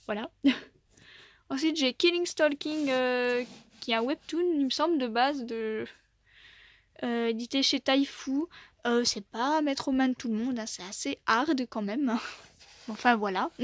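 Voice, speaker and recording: A young woman with a slightly high voice talks casually through her manga shelves. She fills her speech with hesitations and little laughs. The sound is dry and close, with no room echo. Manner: chatty, many fillers and little laughs. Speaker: manga collector vlogger. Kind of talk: casual collection tour.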